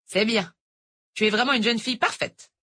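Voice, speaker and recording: A sharp-tongued, brooding tutor woman with a husky edge to her voice, as a reader puts her on. She rises higher and louder than the narration, turning mock-cheerful and then bitter. An Irish tutor in a storybook reading. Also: moderate pace.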